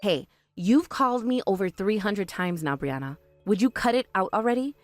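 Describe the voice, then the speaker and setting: A woman voicing a calm, sharp-tongued young woman in an animated story, speaking firmly and with dry exasperation. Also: mid-range voice, moderate pace, loud music behind the voice, close to an everyday voice.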